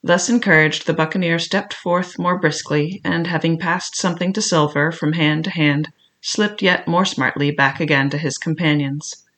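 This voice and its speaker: An audiobook reader narrating an adventure tale in a measured, plain way. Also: mid-range voice, fairly even intonation, a bit bright. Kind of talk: storybook narration.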